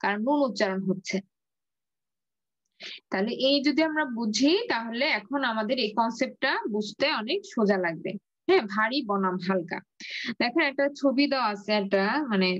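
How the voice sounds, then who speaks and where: Woman, Bangladeshi Bengali accent, online grammar teacher, patient and repetitive, slightly high voice, dry muffled recording. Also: no room sound. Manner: patient, repeats key words slowly, asks and answers own questions. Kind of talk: online class lecture.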